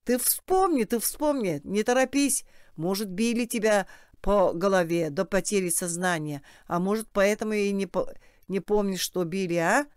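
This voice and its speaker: Кастинг: женщина в роли напористого насмешливого мужчины-допросчика, чистый голос. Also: female voice, mid-range voice, normal speed, smooth, no room sound, lightly acted. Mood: pushy. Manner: pressing, mocking questions. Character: bossy male interrogator, mocking, pushy.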